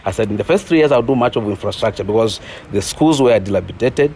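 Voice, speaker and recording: A man's voice: fairly low pitch, lively intonation, quick pace, a little mellow, slight background noise. A young man from Zambia with a Zambian accent, a community resources board leader, telling his story in an interview with some hesitation. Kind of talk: interview recollection.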